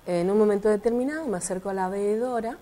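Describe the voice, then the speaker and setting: A middle-aged Argentine lawyer and party representative tells an interviewer about an incident with indignant emphasis, acting out the quoted dialogue. She speaks fast in a mellow, mid-range voice with a rioplatense voseo accent.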